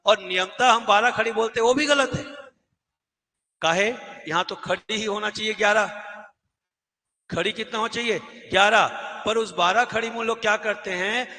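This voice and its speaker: Bright-voiced man teaching in an echoey hall. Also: high-pitched, normal speed. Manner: asks questions and answers them himself, repeats key words. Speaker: Hindi teacher. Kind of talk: exam-prep classroom lesson.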